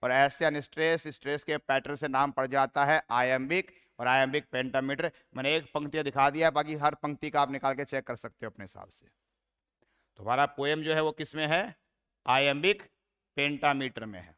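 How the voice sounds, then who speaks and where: A man's voice: mid-range voice, fairly even intonation, normal speed, a bit bright, clean tone. A man teaching a poetry lesson, going step by step and counting out syllables and stresses aloud.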